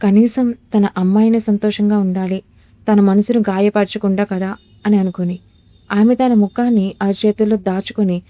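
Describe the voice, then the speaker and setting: A woman narrating a romantic drama story in a steady, dramatic storytelling style. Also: mid-range voice, normal speed, no echo.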